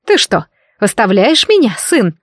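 A woman voicing a haughty older noblewoman, mother of an emperor, who hisses venomous, shrill reproaches in an audiobook. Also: big pitch swings, a little slow, no room sound, studio quality. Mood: indignant.

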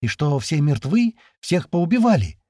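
A man's voice: fairly high pitch, very animated, normal speed, dark tone, slightly rough, dry recording, clean studio sound, voice pushed up. A man voicing a naive, teasing young woman who grows insistent, read for an audiobook. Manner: playful, innocent, then insistent.

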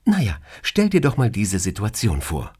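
A man voicing a cheerful, teasing woman who is the boss in an audiobook story, raising his voice high and lively for her. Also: moderate pace, husky, full character voice. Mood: explaining. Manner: playful, teasing. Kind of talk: audiobook character reading.

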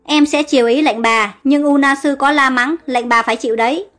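A woman's voice: high-pitched, brisk, a bit bright, soft background music. Woman voicing a jumpy young handmaid. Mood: chatty.

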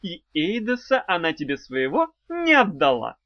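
A man voicing a sharp-tongued, menacing woman witch with curt, cutting lines. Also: sits high, huge pitch swings, normal speed, dry recording, lo-fi sound, exaggerated voice. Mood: mocking. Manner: curt and cutting, hissing whisper when threatening.

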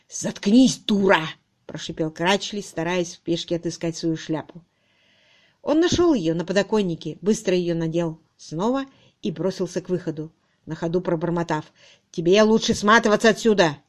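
A woman narrating a novel in an audiobook, with measured, expressive reading. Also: fairly low pitch. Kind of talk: scripted narration.

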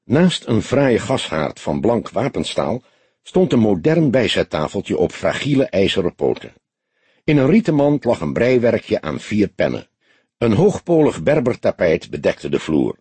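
A man narrating a detective audiobook in measured, lively scripted narration. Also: on the low side, husky, no room sound.

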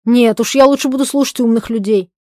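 A woman's voice: a little high, quick pace, darkish tone, no room sound, studio quality, close to an everyday voice. A woman voicing a capricious, petty young wife, teasing and dismissive, in a dramatic stage-play reading. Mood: mocking.

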